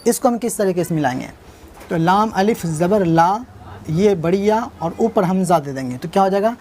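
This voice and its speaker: An Urdu writing teacher with a high, darkish voice and lively intonation speaks at normal speed over a faint hiss or hum. In a patient, repetitive lesson, he spells words out letter by letter, repeats each one, and asks himself "what does it become?"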